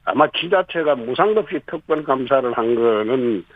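A man, a city government official, answering radio interview questions and explaining policy point by point with pauses. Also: mid-range voice, lively intonation, no echo. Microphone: phone. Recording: tinny phone line.

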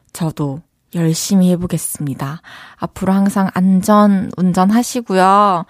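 A friendly, chatty woman DJ with a southeastern Korean dialect laughs frequently as she goes through listener messages and answers them. The studio microphone gives a dry recording of her medium-pitched voice.

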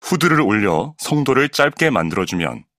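A man, a professional voice actor, reading an educational audiobook in a clear, measured, explanatory way, close on a studio microphone. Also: medium pitch, sing-song, fairly bright tone, dry recording. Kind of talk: scripted educational narration.

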